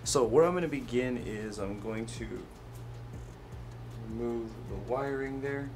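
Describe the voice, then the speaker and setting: With music playing in the background, a man narrates a casual hands-on product tutorial, explaining each step as he works with the item. He speaks at a measured pace in a medium-pitched voice.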